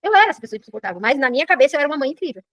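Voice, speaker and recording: A woman's voice: high-pitched, rapid-fire, no room sound, muffled recording. A middle-aged woman with a Brazilian Portuguese accent, teaching a personal development class and often checking in with her listeners. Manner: animated, keeps checking in with "entendeu?". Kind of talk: live online class talk.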